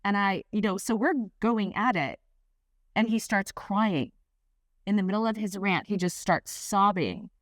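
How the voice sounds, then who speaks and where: A middle-aged woman, a guest correspondent, telling animated anecdotes in an interview and acting out quotes. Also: mid-range voice, measured pace, dry recording, studio quality. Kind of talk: storytelling interview chat.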